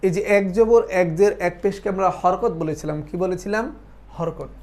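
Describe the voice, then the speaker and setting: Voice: mid-range voice, a little fast, a little mellow. A Quran recitation teacher giving an online lesson, patiently explaining step by step, asking questions and then answering them and repeating points for drilling.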